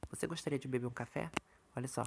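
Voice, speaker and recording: A man's voice: mid-range voice, vocal fry, background noise. A man teaching an English lesson in a casual online video, often checking in with his viewers. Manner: repeats filler checks like "tá" and "entendeu", explains slowly.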